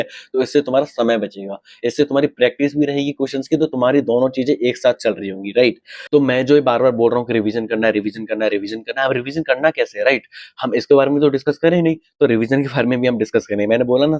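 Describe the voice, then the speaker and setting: Young male mentor, mid-pitched voice, dry close sound, direct and coaching. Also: darkish tone, no echo. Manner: direct, repeats "ठीक है" and "right" to check in, mixes English phrases. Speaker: exam prep mentor. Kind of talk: casual advice talk to students.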